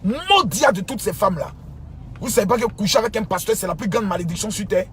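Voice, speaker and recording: A man with a high-pitched voice preaches a fiery, scolding rant at his followers. He hammers the same phrases again and again, dropping to a mutter and then bursting into shouts. Faint traffic hums behind him. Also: lively intonation, quick pace. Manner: scolding, repetitive, swings from low mutter to shouting. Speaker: pastor.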